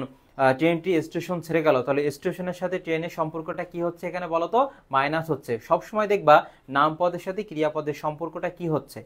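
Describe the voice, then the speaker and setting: A man teaching a live online grammar lesson, asking questions and answering them himself. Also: on the high side.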